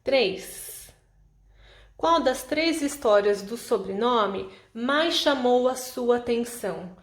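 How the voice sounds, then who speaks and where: A woman's voice: fairly high pitch, expressive, slow pace, echoey room. A woman teacher with a Brazilian Portuguese accent goes through homework answers patiently, explaining step by step and often checking in with the class. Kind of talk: correcting homework exercises.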